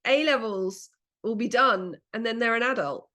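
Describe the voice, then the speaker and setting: A woman's voice: on the high side, moderate pace, bright, forceful tone. Woman, podcast co-host; chatty and rambling, restarts her sentences. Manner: chatty, rambling, self-correcting. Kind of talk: casual chat.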